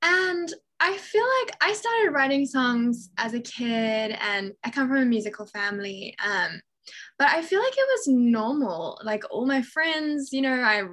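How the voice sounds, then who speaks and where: A young adult woman from South Africa, a guest on a podcast interview, talking in a relaxed, reflective way with many fillers. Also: high-pitched, unhurried. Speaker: guest musician.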